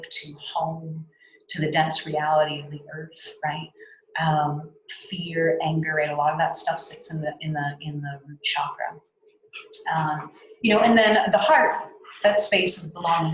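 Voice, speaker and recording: Low-voiced woman leading a spiritual talk. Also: reverberant, a little hiss or hum, poor audio. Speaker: spiritual workshop facilitator. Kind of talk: guided teaching on a video call. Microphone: video call.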